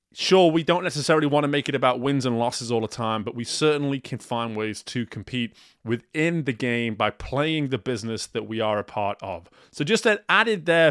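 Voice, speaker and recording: A man's voice: medium pitch, fairly bright tone, dry recording, clean studio sound. A man hosting a podcast, summing up an interview in an earnest, upbeat way and often repeating words as he thinks. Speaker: podcast host. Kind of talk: podcast wrap-up talk.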